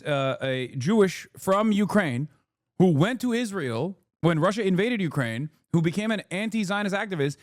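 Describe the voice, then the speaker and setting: A man's voice: sits high, dry recording, clean studio sound. A man in his thirties streaming, reacting to an interview with heated, profane, incredulous commentary. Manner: fast, profane, incredulous rants.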